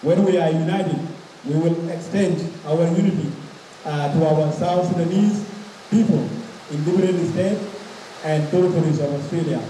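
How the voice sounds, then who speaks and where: A man's voice: on the high side, moderate pace, mellow, slight background noise. A man giving a campaign speech as a candidate, earnestly laying out his plans point by point. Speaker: presidential candidate. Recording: very echoey hall, voice picked up from far off.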